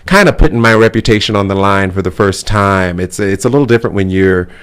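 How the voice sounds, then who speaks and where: A middle-aged man with a somewhat low-pitched voice chats easily as a talk show guest. He keeps his thoughts flowing with frequent "you know" fillers and a relaxed, conversational delivery. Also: fast talker, smooth. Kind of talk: casual interview conversation.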